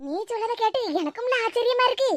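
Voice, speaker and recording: A woman doing a squeaky, rapid-fire cartoon neighbor auntie with a Tirunelveli Tamil accent. She fusses with quick questions and homely chatter in a high, sped-up voice. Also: expressive, slight background noise. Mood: curious. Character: concerned older neighbor woman, curious about gossip.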